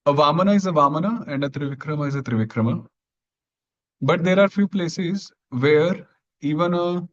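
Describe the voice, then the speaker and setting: A man teaching an online grammar class, explaining patiently step by step and clearing his throat now and then. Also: fairly high pitch, lo-fi sound.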